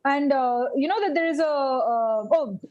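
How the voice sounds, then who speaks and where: This guest instructor, a woman whose voice sits high, teaches vegan baking at a measured pace in a casual live class online. Her talk is hesitant, packed with fillers and restarts, and she laughs a lot. The video-call audio is dull.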